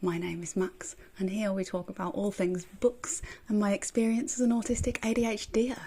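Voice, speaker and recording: A woman chatting excitedly about books as she unboxes them, her voice recorded on a phone voice recorder app. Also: mid-range voice, brisk, breathy edge. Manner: excitable, gushing. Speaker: book vlogger. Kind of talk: casual unboxing chat. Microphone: phone voice recorder used as microphone.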